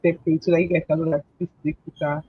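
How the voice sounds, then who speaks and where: A woman's voice: deep voice, flat delivery, racing, husky. A woman on a work video call, explaining her web design in a hesitant way with many "like" fillers; her voice sounds muffled, as if heard through a wall. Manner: hesitant, heavy use of "like" fillers. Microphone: headphone mic on a video call. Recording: muffled lo-fi headset mic with faint noise.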